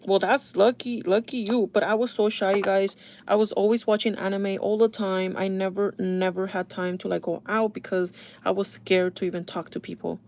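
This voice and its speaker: A woman's voice: mid-range voice, little pitch movement, moderate pace, few pauses, darkish tone. A woman in her thirties chatting casually to her viewers while doing her makeup, confiding and talking straight to them. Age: 30s. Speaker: beauty vlogger.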